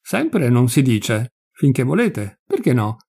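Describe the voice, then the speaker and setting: A man's voice: medium pitch, very animated, takes it slowly, gravelly, mellow, slightly rough, heavily acted. A man doing a fervent pious vagabond. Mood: earnest. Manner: emotional, pleading then furious outbursts.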